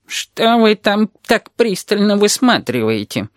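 A reader puts on a snappish older male teacher who retorts irritably. His pitch is raised and lively. The sound is dry and close. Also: slow pace, no room sound. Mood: irritable. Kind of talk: audiobook character voice.

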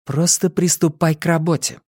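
A man voicing a young female thief who gives sharp, urgent commands in an audiobook. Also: sits low, little pitch movement, moderate pace, dry recording, studio quality, pitched above the performer's own voice. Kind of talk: audiobook character voice.

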